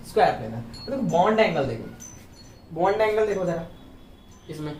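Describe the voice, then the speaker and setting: High-voiced man lecturing in an echoey room. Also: a little mellow, a little hiss or hum. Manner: explains step by step, keeps checking with "theek hai". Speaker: chemistry teacher. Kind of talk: classroom lecture. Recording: echoey room, mic at a distance.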